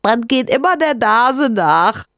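A woman doing a squeaky little cold creature. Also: animated, slow, no room sound, clean studio sound, exaggerated voice. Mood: cheerful. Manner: very high squeaky bright voice. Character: tiny giggly cold creature, male, cheerful. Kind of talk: storybook reading.

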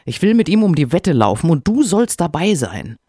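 A man's voice: fairly high pitch, very animated, dark tone, husky, dry recording, clean studio sound, voice pushed up. A man voicing a stubborn, cunning male hedgehog who talks in a pushy, emphatic way. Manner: pushy, emphatic, sometimes hurried.

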